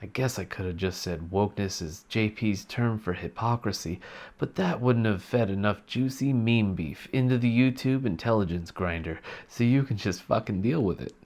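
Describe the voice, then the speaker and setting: A man delivering a scripted sarcastic comedy rant in a mock-earnest, deadpan manner. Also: fairly low pitch, normal speed. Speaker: satirical commentator.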